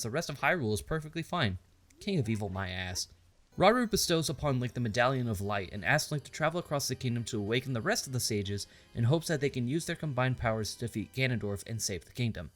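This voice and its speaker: A man's voice: mid-range voice, fairly bright tone. A man narrating a scripted game story recap with sarcastic, crude asides. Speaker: game reviewer.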